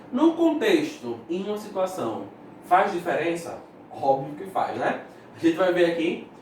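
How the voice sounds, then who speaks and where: A male Spanish teacher, giving a recorded school lesson and explaining words step by step while checking in with his students. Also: fairly high pitch. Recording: echoey room, voice from a distance, faint noise.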